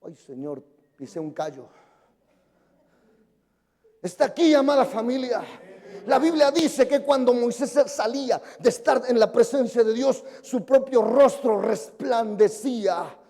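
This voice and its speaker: A pastor preaches in a strikingly high male voice, sliding from hushed storytelling to fervent shouting. His sermon rings through a church hall with a long, trailing reverb. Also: expressive, measured pace, vocal fry.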